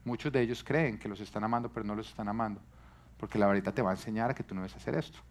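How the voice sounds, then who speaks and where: Speaking in a lowish voice with rapid-fire delivery, a preacher gives a sermon on parenting before a live congregation. He teaches earnestly and keeps asking the listeners rhetorical questions.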